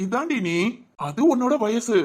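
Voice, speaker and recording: A woman voicing a caring older brother who gently coaxes and teases his crying sister. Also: a little high, expressive, unhurried. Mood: reassuring. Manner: gentle, coaxing, affectionate teasing. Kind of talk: cartoon voice acting.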